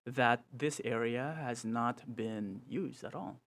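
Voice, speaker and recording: A man's voice: medium pitch, takes it slowly, a crowd in the background. A man narrating a tabletop game as game master, describing the action and laughing along with his players.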